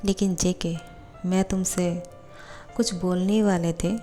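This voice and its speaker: Brief: woman reading as a playful young male student, coaxing and teasing, lowish voice, storybook read over faint music. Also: steady tone, slow pace, warm tone.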